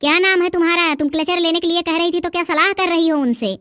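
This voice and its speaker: A woman's voice: very high voice, fast, a bit bright, dry recording, clean studio sound. Woman doing a snappy young cartoon shopkeeper. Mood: puzzled. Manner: curt, mocking, standard Hindi speech. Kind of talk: cartoon dub voice acting.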